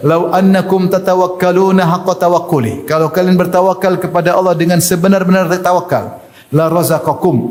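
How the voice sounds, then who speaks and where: Animated preacher in an echoey hall. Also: male voice, sits high. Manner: lively and joking, acts out prayers. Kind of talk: sermon.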